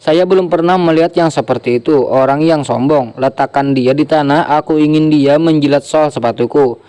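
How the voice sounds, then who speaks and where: A man's voice: on the high side, normal speed, warm tone, natural voice. A man reading the lines of a cruel, scheming woman gang boss, mocking and cold. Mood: scornful.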